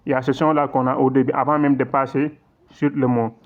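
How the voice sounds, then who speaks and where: A man teaching recitation rules in an online lesson, explaining patiently, checking in often, and reciting examples slowly. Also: medium pitch, flat delivery. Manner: patient, repetitive explaining with frequent check-ins; slow drawn-out recitation in demonstrations. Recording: tinny phone-like audio.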